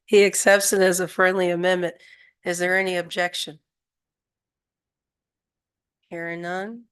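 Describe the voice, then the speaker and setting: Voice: medium pitch, little pitch movement, moderate pace, fairly bright tone, clean tone. A board chair running a formal public meeting, moving through procedure and laughing easily with the members.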